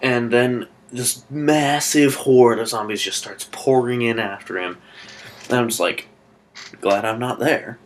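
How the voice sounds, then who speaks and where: A man from Alaska talking through a TV episode in a casual review vlog, rambling and excitable with lots of fillers and restarts. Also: mid-range voice, unhurried, a little hiss or hum.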